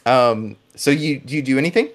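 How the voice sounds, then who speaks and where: A man's voice: mid-range voice, brisk. A man running a tabletop game as game master, chatty and full of fillers and restarts.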